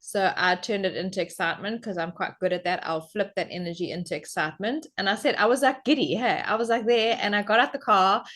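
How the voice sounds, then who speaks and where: A woman's voice: fast talker, hardly any pauses. A young adult woman, a guest on a podcast, telling a story in casual chat and acting out what people said with big leaps in her voice. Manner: animated storyteller, acts out quotes with big pitch jumps.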